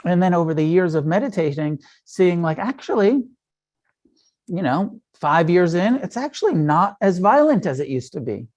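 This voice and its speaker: A man's voice: sits high, sing-song, moderate pace, a little mellow. A middle-aged man giving a casual dharma talk as a meditation teacher, frank and profane, with frequent fillers and restarts.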